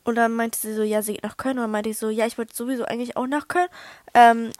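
Excitable young woman, dry close sound. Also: fairly high pitch, fast, dry recording. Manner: excitable, dramatic outbursts, mixes in English slang. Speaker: podcast host. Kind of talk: casual chat.

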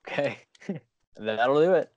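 A man's voice: medium pitch, expressive, takes it slowly, dry recording, lo-fi sound. A man chatting casually about sports as a podcast co-host.

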